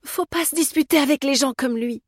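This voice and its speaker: A woman's voice: sits high, a little fast, no room sound, studio quality, pitched above the performer's own voice, lightly acted. A woman doing a timid, anxious housemaid. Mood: fearful. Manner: anxious, pleading. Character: timid, fearful young housemaid. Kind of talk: audiobook character voice.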